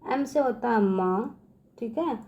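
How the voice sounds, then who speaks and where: Lady teacher talking to kids, higher voice, slow and patient, keeps saying okay. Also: lively intonation, muffled recording. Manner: repeats "theek hai" constantly, patient and drawn-out; addresses viewers as children. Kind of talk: spelling lesson for children.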